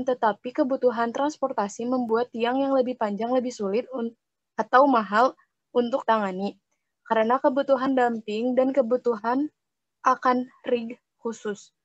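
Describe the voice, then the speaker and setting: A woman's voice: a little high, darkish tone, no echo, lo-fi sound. A woman student reading a textbook passage aloud over an online call whose audio breaks up and glitches, restarting a word now and then. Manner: careful reading with halting restarts on words. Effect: choppy, breaking-up online call audio.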